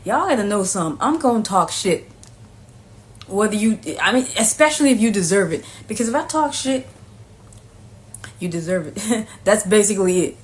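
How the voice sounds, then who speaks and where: A woman's voice: medium pitch, animated, moderate pace, pauses often. Brash, profane woman ranting to camera. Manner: brash, sassy and profane, often adds "okay?". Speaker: vlogger. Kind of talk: profane comedic rant to camera.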